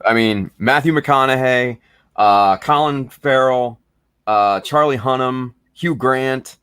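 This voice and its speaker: A man's voice: mid-range voice, slow, a bit bright, smooth, no room sound. A man co-hosting a casual hobby podcast, chatting enthusiastically and rambling with many fillers. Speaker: podcast co-host. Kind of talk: casual chat.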